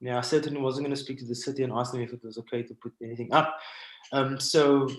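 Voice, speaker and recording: This is a Cape Town man with a South African accent, medium in pitch and showing little pitch movement. As a guest artist, he tells stories informally on a video call from indoors at home, stopping and pausing frequently, picked up by the call microphone with echoing, roomy sound.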